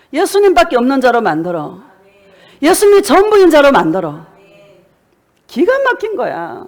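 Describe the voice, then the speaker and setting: A woman's voice: a little high, darkish tone. A woman pastor delivering a fervent sermon, exhorting her congregation and telling stories along the way. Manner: fervent, exhorting with storytelling asides.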